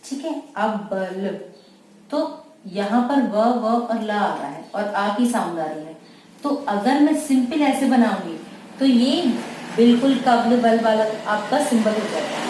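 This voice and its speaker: A woman teaching shorthand, slowly and patiently explaining each word. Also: a little high, a little mellow. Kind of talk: slow dictation-style shorthand lesson. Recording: echoey room, mic far off, faint noise.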